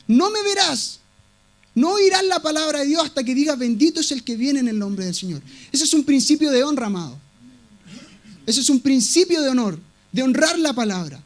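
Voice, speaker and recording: A man preaching a sermon in a strikingly high voice. He is emphatic and insistent, circling back to the same words to drive each point home. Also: animated, a little fast. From Latin America. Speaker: pastor.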